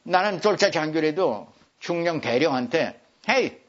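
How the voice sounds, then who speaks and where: Animated older man lecturing. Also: sits high, a little slow, slight background noise. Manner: animated, repeats dialect words for emphasis. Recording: dull lo-fi recording.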